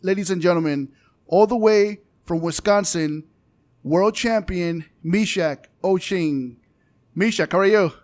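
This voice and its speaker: Male podcast host, slightly high-pitched, enthusiastic announcer energy. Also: a little slow, darkish tone. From Dominican Republic. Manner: enthusiastic, hype-style introductions. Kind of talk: casual interview.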